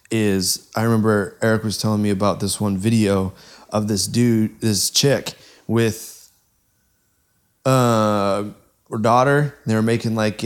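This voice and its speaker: A man co-hosting a podcast, telling a story in a casual way and breaking into laughter often. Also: on the low side. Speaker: podcast co-host.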